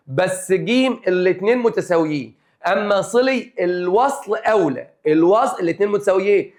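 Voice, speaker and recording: A man's voice: sits high, a little mellow. A young man with an Egyptian Arabic accent teaching an exam review lesson, drilling rules over and over and quizzing his students. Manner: rapid, repetitive drilling with questions to students.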